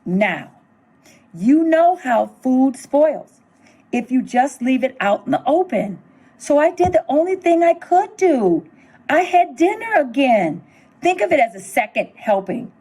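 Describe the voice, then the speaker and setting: A woman's voice: high voice, unhurried. A middle-aged woman reading a children's storybook aloud, telling it expressively in the wolf's own words. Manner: expressive storytelling, narrating as the wolf. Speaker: school superintendent reading aloud.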